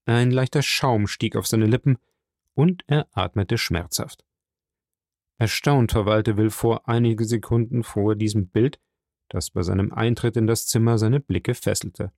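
A man narrating a classic novel as an audiobook, reading in a steady, measured storytelling voice. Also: fairly low pitch, no room sound, studio quality.

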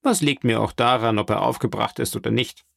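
A man voicing a self-important, blustering banker in an audiobook, pompous and animated. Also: medium pitch, brisk, gravelly, no echo, studio quality. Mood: scornful.

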